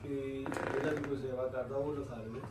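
A Punjabi man explaining matters briskly and matter-of-factly in casual talk. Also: medium pitch, little pitch movement, heavy background noise. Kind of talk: casual discussion. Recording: roomy, far from the mic, crowd behind.

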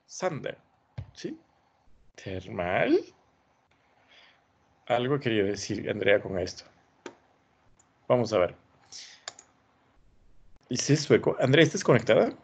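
A man's voice: on the low side, very animated, takes it slowly, creaky, long pauses, husky. A man teaching an online class, thinking aloud and encouraging as he reviews students' work. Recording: dull lo-fi sound.

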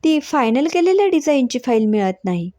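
A woman's voice: high voice, sing-song, brisk, dark tone, dry recording, studio quality, voice pushed up. A woman voicing a strict, businesslike young woman with a firm, scolding manner in a storybook reading. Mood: matter-of-fact.

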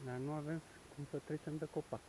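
A man's voice: on the high side, fairly even intonation, background noise. A man narrating a hiking vlog outdoors on a forest trail, explaining the path as he walks. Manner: explanatory, pointing things out along the way.

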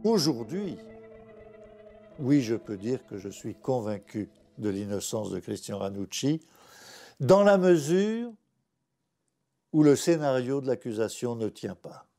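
Insistent male writer in interview, gravelly and dark, hammers points home. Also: mid-range voice, very animated, measured pace, long pauses, faint music behind. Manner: insistent, repeats points for emphasis. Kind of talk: documentary interview.

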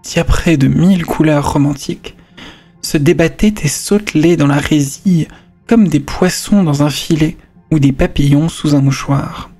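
A man's voice: on the high side, a little slow, dark tone, slightly rough, soft background music. A man reading a story aloud on stream, breaking off for casual asides and stumbling over words.

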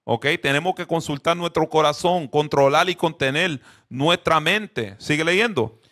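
Animated man leading a Bible class. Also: a little high, unhurried. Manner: keeps checking in with listeners; drops English fillers into Spanish. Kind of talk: interactive bible lesson.

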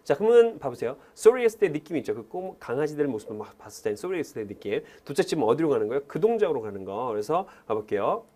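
A man teaching an English lesson in Korean, animated, who keeps urging learners to repeat phrases aloud. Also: medium pitch, quick pace, few pauses, a little hiss or hum. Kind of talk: lively classroom lecture.

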